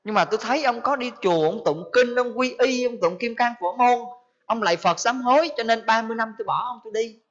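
A man with a very high-pitched, fairly bright voice speaks at a quick pace, playing a resentful dead son come back for revenge. He accuses his father with bitter questions, and the recording is dull and lo-fi.

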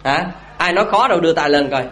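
A man's voice: a little high, quick pace, fairly bright tone. A man giving a Buddhist dharma talk, telling a story and asking his audience questions. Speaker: Buddhist speaker.

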